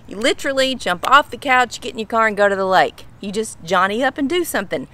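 Bright-voiced woman with a Southern drawl. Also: on the high side, fast talker. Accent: Southern US, Kentucky drawl. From Kentucky, United States. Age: middle-aged. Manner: animated, folksy, repeats phrases for emphasis. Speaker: vlogger explaining slang. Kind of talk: casual explanatory chat to camera. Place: outdoors on a home pool patio.

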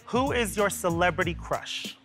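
A man's voice: high-pitched, animated, normal speed, fairly bright tone, soft background music. A man with a campy, theatrical, sassy drag queen manner, hosting a staged panel chat. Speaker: panel host.

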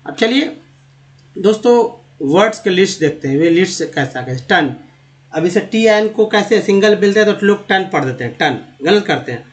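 A man with a fairly high voice teaches English reading in a patient classroom manner. He spells words out letter by letter, draws out sample words slowly and puts quiz questions to his viewers. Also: animated, low-quality recording. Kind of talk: Hindi-language phonics lesson.

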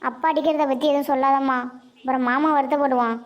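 A woman voicing a timid, long-suffering village mother in a cartoon, soft and resigned. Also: high-pitched, steady tone, fast talker, lo-fi sound, close to an everyday voice. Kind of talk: Tamil cartoon voice acting.

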